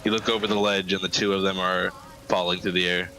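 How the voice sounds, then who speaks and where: A man's voice: deep voice, little pitch movement, fast, sharp tone, low-quality recording. A man narrating a tabletop game as game master, mixing casual talk with scene description.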